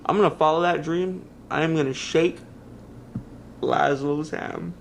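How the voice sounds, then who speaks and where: A man playing a gushing wrestling superfan, high-voiced. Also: a little slow, vocal fry, very noisy. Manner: excitable, gushing fanboy. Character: overexcited male wrestling superfan, gushing and childlike. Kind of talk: mockumentary acting.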